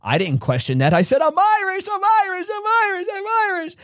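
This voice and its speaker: A man hosting a podcast, telling a personal story in an earnest way and acting out quotes with big jumps in pitch. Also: wildly swooping pitch, brisk, a bit bright, no room sound, studio quality. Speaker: podcast host.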